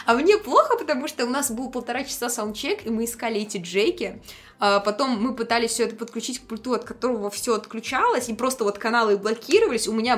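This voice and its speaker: A woman musician, speaking at a fairly high pitch, chats casually as an interview guest. She tells lively anecdotes in slangy language and acts out the dialogue she quotes.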